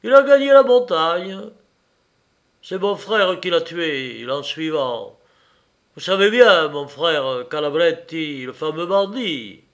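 A man playing a weary consumptive Corsican, high and raised. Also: takes it slowly, full character voice. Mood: proud. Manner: monotone, dragging, coughing between phrases. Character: consumptive Corsican man, tall and stooped, resigned.

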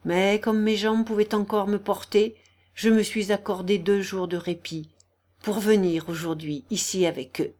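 A woman reading an audiobook, voicing a dying young man who speaks quietly, hoarse and weary. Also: medium pitch, fairly even intonation, measured pace, close to an everyday voice. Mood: weary calm. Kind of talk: audiobook character voice.

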